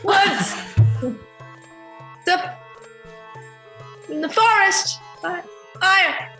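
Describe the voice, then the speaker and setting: A woman's voice: extremely high pitch, animated, extremely slow, pushed and bright, soft background music, pitched above the performer's own voice, heavily acted. A woman playing a character whose connection keeps dropping, breaking off words and repeating them. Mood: urgent. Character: woman character calling through a glitching magic link. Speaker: player. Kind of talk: tabletop roleplay in character. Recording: roomy echoey sound.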